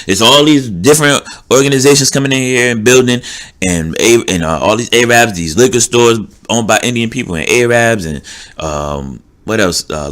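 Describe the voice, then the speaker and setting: A young man with a New Jersey accent, hosting a podcast and ranting casually in a streetwise, rambling way. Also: on the low side. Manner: animated, streetwise, rambling with many fillers. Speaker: podcast host. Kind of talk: casual rant.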